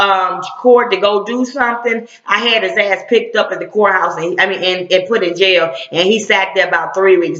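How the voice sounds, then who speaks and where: A man's voice: sits high, pushed and bright. A middle-aged man, a civil rights activist, delivering a blunt, confrontational, slangy online rant. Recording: echoey, dull lo-fi sound.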